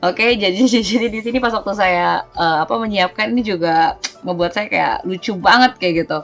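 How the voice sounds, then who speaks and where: Chatty lady teaching everyday phrases, lots of um and eh, soft music under it. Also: medium pitch, creaky. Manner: chatty, many fillers, drawn-out example words. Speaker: language teacher. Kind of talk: casual vlog-style language lesson.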